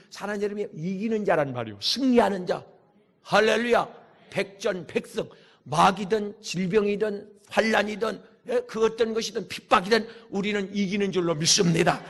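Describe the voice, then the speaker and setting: A man, a pastor, preaching a sermon with emphatic bursts and shouted hallelujahs. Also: high-pitched, normal speed.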